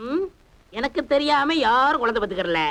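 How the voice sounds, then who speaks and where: A man's voice: very high-pitched, lively intonation, moderate pace, pushed and bright, heavily acted. An actor playing a nosy, cadging male caretaker who knows everyone's business, in a 1991 film comedy. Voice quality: nosy and wheedling.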